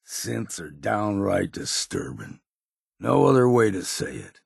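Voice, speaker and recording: A grizzled old hunter from a video game, with a deeply gravelly, husky voice. He talks slowly in a folksy, old-timer way, gruff and wary but good-humored. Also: huge pitch swings, a little mellow, no room sound, studio quality, exaggerated voice. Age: older. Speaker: video game companion character. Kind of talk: scripted game voice lines.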